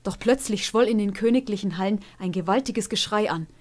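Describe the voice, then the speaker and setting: A woman narrating a storybook chapter in a calm, measured way. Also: mid-range voice. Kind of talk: storybook reading.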